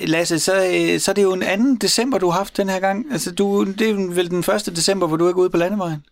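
A man hosting a casual studio chat, talking in a halting way full of fillers. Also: high-pitched, gravelly, dry recording. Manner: hesitant, halting, with many fillers. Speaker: host. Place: radio studio.

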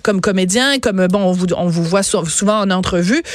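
A woman's voice: medium pitch, normal speed, no echo. A woman from France with a French accent, hosting an interview in a direct, outspoken way. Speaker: radio host.

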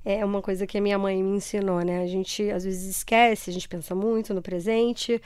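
Clear-voiced Brazilian woman with a Rio accent. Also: medium pitch, little pitch movement, normal speed, a little mellow, dry recording. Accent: Brazilian, Rio de Janeiro (carioca). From Ceará, Brazil. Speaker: interview guest. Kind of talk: conversational personal interview.

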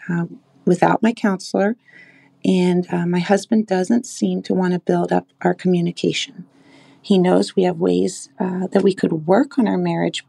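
A middle-aged woman leaving a recorded voice message, reading out a prepared question in a measured way with small hesitations. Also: on the low side, vocal fry, mellow, husky, dry recording. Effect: recorded voice message played on the show.

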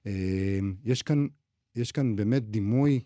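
A man hosting a radio literary show, reading a passage aloud and then discussing it in a measured, reflective way. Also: on the low side, warm tone, no room sound.

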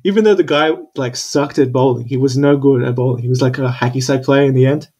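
A man's voice: mid-range voice, quick pace, mellow. A young man in casual chat, laid-back and hesitant, with many fillers. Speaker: conversation partner.

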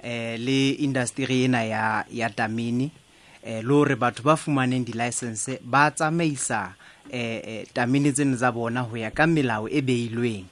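A man with a South African Sotho accent explaining things haltingly as an official guest in a radio interview. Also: medium pitch, steady tone, a bit bright. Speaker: liquor authority spokesman, studio guest. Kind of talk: interview answers. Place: radio studio.

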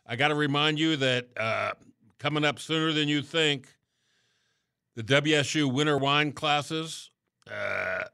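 A chatty middle-aged man hosting a radio show, his voice bright and forward. He talks casually and lets sentences fade at the ends. The sound is close and dry. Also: mid-range voice, no echo. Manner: chatty, relaxed, trailing off at phrase ends. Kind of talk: casual radio talk and interview.

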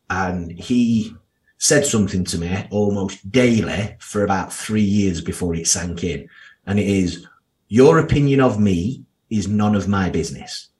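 A man in his thirties with a strong Yorkshire accent, talking candidly as an interview guest in a blunt, down-to-earth, slangy way. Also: fairly low pitch. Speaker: podcast guest, financial services professional.

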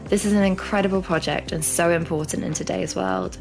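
Low-voiced woman hosting a podcast. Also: steady tone, fairly quick, gravelly, music in the background. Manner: scripted, upbeat introductions. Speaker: podcast host.

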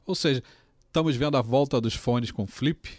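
A man's voice: medium pitch, moderate pace, a little mellow, no echo. Man, podcast co-host, playful tone, dry close recording. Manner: playful and joking. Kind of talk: casual podcast discussion.

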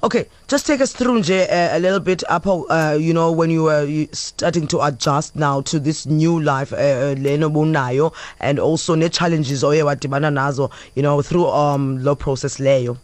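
A woman's voice: deep voice, steady tone, normal speed, hardly any pauses, a little mellow, dry recording. A woman with a South African Xhosa accent hosting a radio interview, switching between English and Xhosa. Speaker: radio host.

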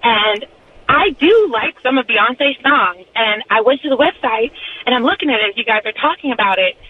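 A woman's voice: a little high, expressive, moderate pace. Woman calling in over a tinny phone line. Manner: earnest, thoughtful, with frequent ums. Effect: heard over a phone line. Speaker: caller. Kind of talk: phone-in call to a radio show.

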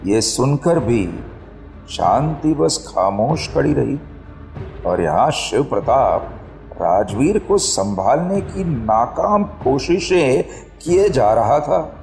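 A man narrating an audio drama in a measured storytelling manner. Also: medium pitch, sing-song, creaky, a little mellow, soft background music.

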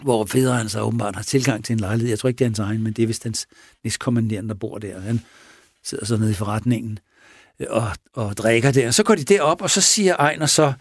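A man who is a police officer, retelling a case in a casual interview, halting with pauses and restarts. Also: on the low side, slightly rough, no echo, studio quality. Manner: halting, with many pauses and restarts, acts out quoted speech. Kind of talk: casual spoken storytelling in an interview.

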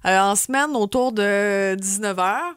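A woman's voice: medium pitch, a little slow, a bit bright, clean tone, no room sound, clean studio sound. A woman with a Québécois accent co-hosting a radio show, chatty and teasing with her partner. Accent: Québécois French. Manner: chatty and teasing, laughs easily. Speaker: radio co-host. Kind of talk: casual radio chat.

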